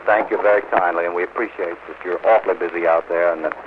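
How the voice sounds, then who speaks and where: A man's voice: low-pitched, fairly even intonation, fast, narrow, tinny audio, background noise. A man reporting live on a 1940s radio broadcast with an old newsreel sound, polite and formal. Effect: old newsreel-style radio broadcast.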